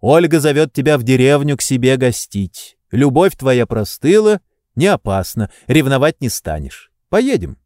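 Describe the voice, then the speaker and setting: A man voicing an energetic, warm-hearted male friend in a storybook reading, speaking earnestly and persuasively. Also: medium pitch, moderate pace, no echo, clean studio sound, close to an everyday voice.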